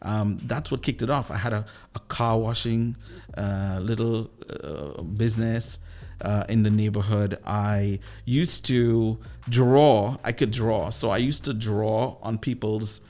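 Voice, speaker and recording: A man with a Trinidadian accent from Trinidad and Tobago, a guest entrepreneur and business coach telling playful, animated stories in a casual interview. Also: fairly low pitch, slow pace. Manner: animated, playful, with lively voiced asides.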